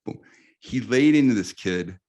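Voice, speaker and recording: A man in his fifties from the United States, a guest telling animated stories in a casual interview with frequent restarts. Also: mid-range voice, unhurried.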